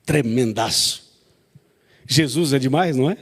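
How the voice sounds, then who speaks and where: A man's voice: mid-range voice, a little slow, big-room sound. A man preaching a sermon, emphatic and repetitive, often asking the congregation to agree.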